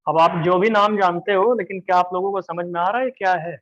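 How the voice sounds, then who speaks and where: A man's voice: sits high, a little fast, fairly bright tone, slight background noise. A male chemistry teacher giving a live classroom lecture, chatty and teasing, often checking in with his students. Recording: dull lo-fi class recording.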